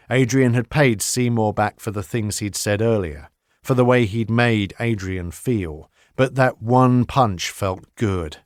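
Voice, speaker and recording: A male narrator with a lowish voice, reading a horror novel in a steady, measured way. The sound is close and dry, with no room echo. His storytelling stays even while the scenes turn violent. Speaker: audiobook narrator. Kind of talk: scripted audiobook narration.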